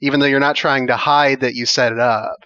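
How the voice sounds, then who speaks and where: A man's voice: medium pitch, fairly even intonation, a little fast, sharp tone, clear, resonant tone. A man co-hosting a movie podcast, talking bluntly and swearing a lot in rambling casual chat. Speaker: podcast co-host. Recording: dull lo-fi sound.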